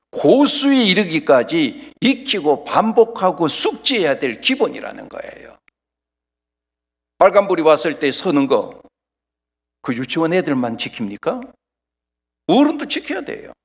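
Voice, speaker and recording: A man preaches a Sunday sermon in his church, his fairly high voice rising and falling with lively emphasis. He presses points loudly, then drops almost to a whisper. Long reverb from the sanctuary trails each phrase. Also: husky. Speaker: pastor.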